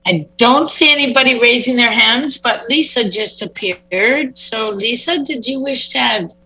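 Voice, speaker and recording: A woman chairs a formal meeting with a brisk, businesslike manner. Her voice sits a little high and has a clear bright edge as she moves through the agenda. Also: rough recording. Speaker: committee chair.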